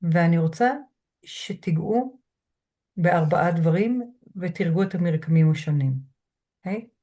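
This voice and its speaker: A woman lecturer speaking from home through a computer mic, guiding listeners through a grounding exercise in a slow, measured way with soft pauses. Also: on the low side. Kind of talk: calm guided lecture. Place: home room.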